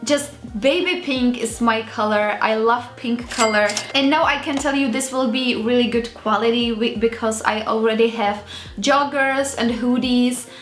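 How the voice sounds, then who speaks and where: A Czech woman in her twenties, speaking with a Czech accent, casually chats to camera as a video blogger presenting a clothing haul, rambling and poking fun at herself. Her voice is fairly high with fairly even intonation at a moderate pace, recorded in a small indoor beauty room with a vanity, with roomy sound and music underneath.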